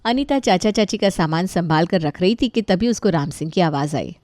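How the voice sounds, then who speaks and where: A woman reads a scripted family story calmly and evenly. Her tone is mellow. The recording is dry and close. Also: fairly low pitch, a little fast, dry recording. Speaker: narrator.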